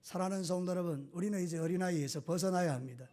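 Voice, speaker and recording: A man's voice: sits high, racing, dark tone. A man pastor preaching a sermon, emphatic and full of rhetorical questions.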